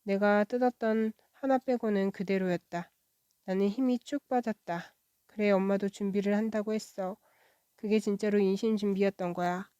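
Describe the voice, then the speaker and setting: A woman reads a children's storybook aloud in a soft, even way. Her voice sits in a middle pitch. It sounds dry and close, with no room echo. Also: moderate pace, clear, resonant tone. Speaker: children's book reader.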